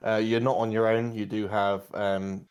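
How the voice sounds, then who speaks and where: Low-pitched man running a tabletop game. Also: level tone, normal speed, a little mellow, smooth. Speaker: game master.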